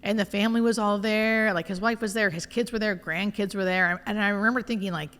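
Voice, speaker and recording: A woman's voice: mid-range voice, brisk, big-room sound. A woman speaking as a hospice nurse being interviewed, telling stories candidly and informally and often acting out bits of dialogue. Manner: informal, expressive, often quoting imagined dialogue. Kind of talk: candid conversational storytelling.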